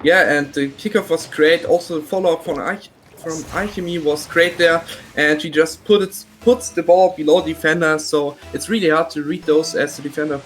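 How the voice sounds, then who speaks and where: A man giving color commentary on a live esports match, analysing plays in a halting way. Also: on the high side, steady tone, a bit bright, faint music behind, low-quality recording. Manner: halting, analytical, many fillers and restarts.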